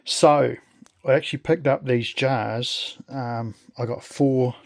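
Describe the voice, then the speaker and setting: A man talks through a casual hands-on demonstration. His voice sits at a medium pitch, and he speaks very slowly, in a halting, friendly way. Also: fairly even intonation, gravelly, a little mellow. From New Zealand. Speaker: video creator.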